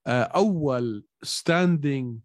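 A man's voice: mid-range voice, lively intonation, takes it slowly, dry recording, studio quality. A man with a Levantine Arabic accent co-hosting a casual sports chat, explaining technique in everyday words. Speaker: co-host of an MMA podcast.

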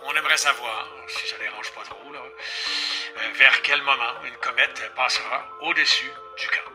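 A man voicing an older male camp priest with a Quebec French accent, hesitant and gravelly, hemming and hawing on the phone. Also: mid-range voice, normal speed, bright, forceful tone, soft background music.

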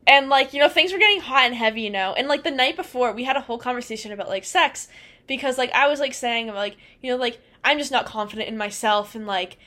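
Chatty young woman, slightly high voice. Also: fast, bright, forceful tone. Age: 20s. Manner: rambling, fills with "like" and "um"; laughs often while telling. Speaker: podcast co-host. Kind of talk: casual storytelling chat.

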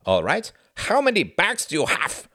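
A man reading an audiobook and voicing an emotional young German man in a higher, effusive voice. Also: sing-song, a little fast, no room sound, studio quality. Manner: effusive, tearful warmth.

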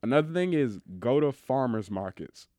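A man's voice: mid-range voice, lively intonation, moderate pace, dark tone, no room sound. A young man with a Mississippi accent chatting casually in a slangy, emphatic storytelling way. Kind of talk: casual, animated banter.

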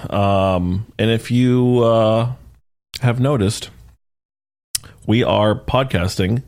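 A man's voice: on the low side, drawn-out words, a little mellow. A young man co-hosting a casual golf podcast, joking and swearing with a friend and laughing often. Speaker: podcast co-host. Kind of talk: casual chat.

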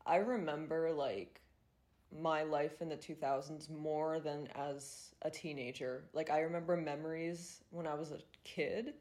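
Sounding nasal and congested, this podcast host in her twenties talks on her own in a loose, filler-heavy style peppered with swearing. Her voice sits low with a darkish quality, and she keeps a steady tone at a measured pace.

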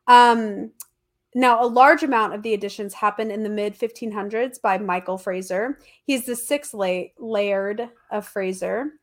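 A woman's voice: medium pitch, a little slow. A woman with a congested, stuffy nose from allergies, telling history as a podcast host in a casual, slangy, emphatic way. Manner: chatty, informal, slangy and emphatic. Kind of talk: casual conversational history storytelling.

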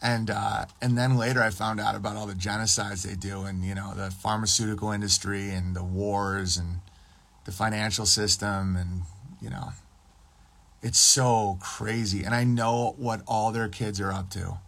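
A man's voice: on the low side, level tone, moderate pace, gravelly, a bit bright. A man streaming a casual, rambling monologue, often profane and losing his train of thought. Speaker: podcast streamer.

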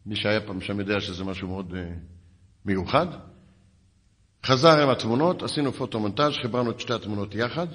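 A man giving a rabbi's lecture as a lively story, with dry sarcasm and acted-out dialogue. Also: lowish voice. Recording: long hall reverb.

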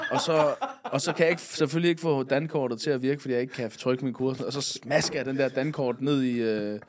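A man's voice: mid-range voice, very animated, background noise. A man from Funen telling a long story as a podcast guest, rambling along with lots of fillers and casual swearing. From Funen, Denmark.

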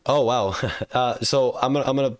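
A young man with a deep voice and a cold, hosting a casual gaming podcast that is streamed live. He rambles, with many fillers and restarts. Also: steady tone, brisk, smooth. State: sick with a cold. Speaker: podcast host.

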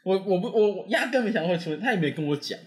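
A young man with a Taiwanese Mandarin accent tells a story in casual chat, his high voice racing along. He's lively and animated, acting out the voices of the people in the story.

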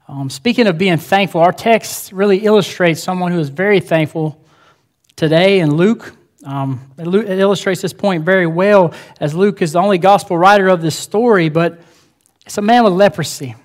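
A male pastor preaching a sermon in a church, earnest and emphatic, repeating his key phrases. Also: high voice.

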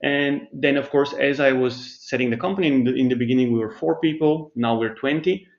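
A man from Bulgaria, a startup chief, lays out his answers in a careful, explanatory way, pausing and restarting as he thinks. His voice sits at a middling pitch. The recording is slightly dull and lo-fi. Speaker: startup CEO, guest. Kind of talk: conversational interview answers.

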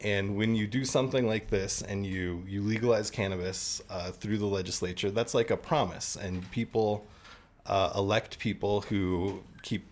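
A man's voice: lowish voice, fairly even intonation, normal speed. A man talking as a podcast guest, earnestly explaining policy in a casual chat and laughing at himself now and then. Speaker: podcast guest, cannabis trade group representative.

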